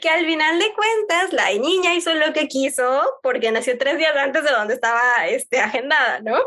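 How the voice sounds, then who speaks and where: High-voiced woman telling a story. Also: moderate pace. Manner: animated storytelling, laughs often, searches for words. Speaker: podcast co-host, mother. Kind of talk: casual conversational chat.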